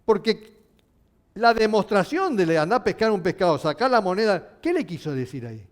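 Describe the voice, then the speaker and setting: A man's voice: high voice, moderate pace. A male pastor preaching a sermon, asking his listeners questions. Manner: animated, asking the congregation questions.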